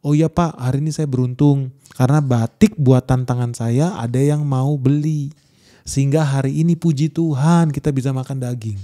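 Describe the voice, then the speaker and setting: A man's voice: mid-range voice, fairly even intonation, normal speed, warm tone, natural voice. A man voicing the humble, polite wife of a poor market trader in his own everyday voice. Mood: meek. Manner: polite, submissive.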